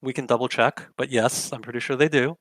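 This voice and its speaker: Speaking fairly quickly in a mid-range, slightly bright voice with a steady tone, this young political commentary host makes emphatic arguments packed with rhetorical questions on his opinionated show.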